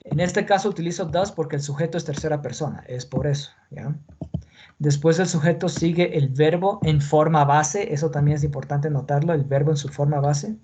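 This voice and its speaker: A man's voice: a little high, steady tone, normal speed, darkish tone. A man teaching an English grammar lesson in Spanish, patiently repeating points and checking in with his class. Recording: dull lo-fi sound with faint noise.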